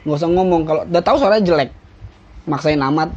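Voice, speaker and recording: A man's voice: a little high, fast talker, darkish tone. A young man, casually teaching drill commands on a live stream, blunt and joking as he reads from a rulebook. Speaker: drill instructor. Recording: dull lo-fi live stream audio.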